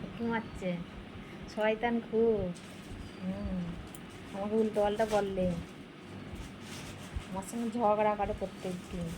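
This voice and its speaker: A woman's voice: medium pitch, fairly even intonation, measured pace, pauses often, background noise. A mother talking sing-song baby talk to her baby while filming at home.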